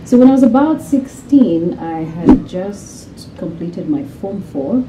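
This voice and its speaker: A woman in her thirties from Uganda, a guest telling her life story in a relaxed, chatty way. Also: medium pitch, a little slow. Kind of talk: casual interview conversation. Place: outdoor garden patio. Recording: echoey with clear background noise.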